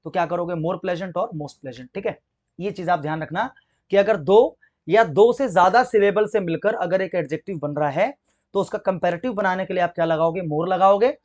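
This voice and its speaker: A man teaching English grammar for exam preparation, speaking Hindi with an accent from it, asking his class questions and answering them himself while he spells words out slowly. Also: high-pitched, darkish tone, highs cut off. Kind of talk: exam-prep grammar lesson.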